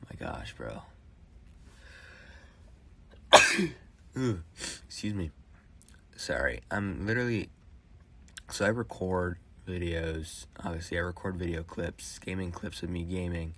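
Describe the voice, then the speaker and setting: A young man in his late teens speaks a rambling personal monologue into a phone voice memo. His talk is halting, with restarts and fillers. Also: sits low. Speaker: vlogger.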